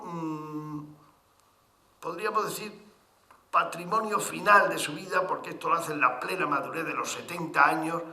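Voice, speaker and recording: A man moderating a public cultural discussion, speaking formally with pauses from Extremadura. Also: on the high side, bright, forceful tone, reverberant. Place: cultural centre hall.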